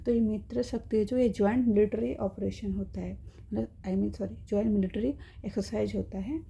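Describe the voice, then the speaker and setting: A woman's voice: mid-range voice, fairly even intonation, moderate pace, vocal fry, mellow, a little hiss or hum. A woman teaching an exam-prep lesson, explaining step by step in Hindi with English terms and checking in with her viewers.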